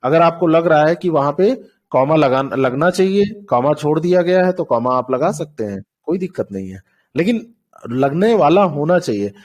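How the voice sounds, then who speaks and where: A man with a notably high voice leads an online doubt-clearing class, talking over a call mic. He explains things patiently and goes back over the same examples step by step. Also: expressive, normal speed. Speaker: teacher.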